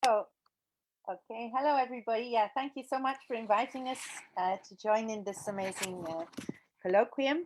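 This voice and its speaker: A woman's voice: on the high side, fairly quick, a little hiss or hum. Hesitant woman on a video call. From United Kingdom. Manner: hesitant, many uh and um fillers. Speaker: poet and children's author. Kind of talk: self-introduction at a presentation.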